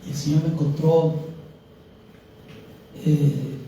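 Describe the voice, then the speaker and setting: Chilean guy preaching, fired up and loud at times, sounds far from the mic in a big echoey hall. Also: a little high, fairly even intonation, slow, slight background noise. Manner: impassioned, swelling to loud cries. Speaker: pastor. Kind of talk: evangelical sermon.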